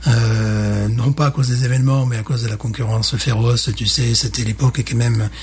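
A man's voice: mid-range voice, fairly even intonation, moderate pace, a little hiss or hum. A man with a Parisian French accent chatting casually as co-host of a beer tasting podcast, enthusiastic and often repeating himself.

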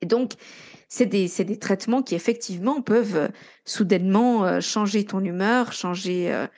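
A woman's voice: medium pitch, moderate pace, darkish tone. A young woman co-hosting a podcast, casually retelling a true-crime story and chatting along with her co-host. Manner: chatty, retells events with quoted dialogue.

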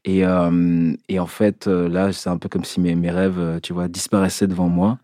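A man, an actor interviewed as a guest, recounting his path in a reflective way, pausing often to find his words. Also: sits low, level tone, warm tone, no room sound, studio quality. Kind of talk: personal storytelling in an interview.

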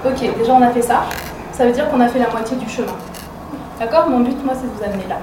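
A woman's voice: fairly high pitch, fast. A woman teaching a French class who keeps checking that her students follow with "okay?". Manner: checks understanding with frequent "d'accord?" and "ok?". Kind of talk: leading a classroom lesson. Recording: far-off echoey classroom with background noise.

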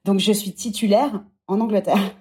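Mellow-voiced woman in her thirties, reflective. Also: mid-range voice, fairly even intonation, moderate pace. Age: 30s. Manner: reflective, thinking aloud. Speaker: podcast guest, former teacher. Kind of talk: conversational interview.

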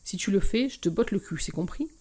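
A woman's voice: mid-range voice, animated, a little fast, darkish tone, slightly rough. A woman reading a romance aloud, voicing a blunt, protective older sister who gives orders. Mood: stern. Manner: blunt, commanding. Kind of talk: audiobook reading.

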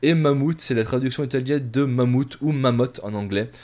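A man's voice: mid-range voice, brisk, darkish tone. A man hosting a music podcast, reviewing a band in a rambling, self-mocking, filler-heavy way.

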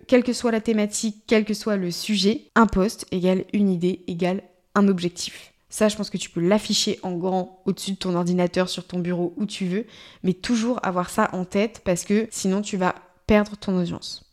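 A woman's voice: mid-range voice, a little mellow. A woman hosting a solo podcast, coaching listeners in a friendly, informal way. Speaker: podcast host, business coach. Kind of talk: casual solo podcast teaching.

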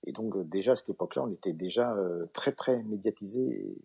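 A middle-aged man, a comedian guest in an interview, telling anecdotes in a relaxed way with many fillers and acted-out dialogue. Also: fairly low pitch, fairly quick, breathy edge. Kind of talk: relaxed storytelling.

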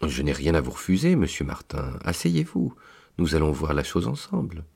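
A man voicing a kindly old Saint Peter, keeper of heaven's book, in a fatherly, unhurried tone. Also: extremely low pitch, huge pitch swings, gravelly, a little mellow, husky, full character voice. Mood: welcoming. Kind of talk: storytelling read-aloud.

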